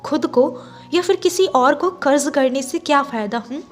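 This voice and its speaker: A woman voicing a middle-aged mother, commanding at times and gently consoling. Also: high voice, normal speed, soft background music, close to an everyday voice. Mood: tender. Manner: commanding, then soft and consoling. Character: stern but loving middle-aged mother.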